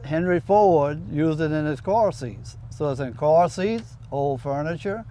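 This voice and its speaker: Higher-voiced Cajun man over outdoor noise. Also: lively intonation, a little slow, dark tone. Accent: Cajun Louisiana. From Louisiana. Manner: instructive, quizzing the listener. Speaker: gator ranch owner and tour guide. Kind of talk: casual explaining to a visitor. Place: outdoors at a swamp ranch. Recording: noisy outdoor location, vehicle sounds.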